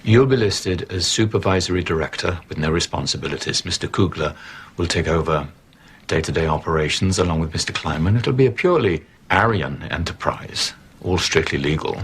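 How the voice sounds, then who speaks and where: A man playing a calm, gentle businessman and father in a film drama, measured and reassuring. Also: low-pitched, breathy edge.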